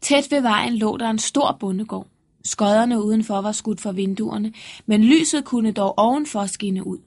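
A woman narrating a fairy tale in a lively storytelling manner. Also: mid-range voice.

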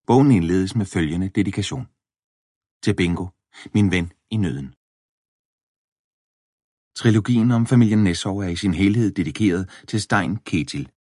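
A man reading an audiobook in a measured, even narration. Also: sits low, no echo. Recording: dry close studio recording.

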